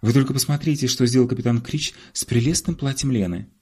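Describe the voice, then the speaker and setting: A man voicing an excitable, squealing young woman in an audiobook. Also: mid-range voice, quick pace, slightly rough, pitched above the performer's own voice, lightly acted. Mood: excited.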